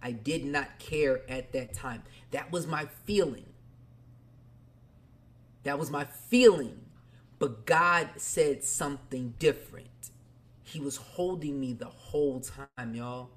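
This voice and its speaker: A man's voice: medium pitch, slow pace. A man hosting a podcast, telling a personal story candidly in casual slang and speaking straight to his listeners. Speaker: podcast host.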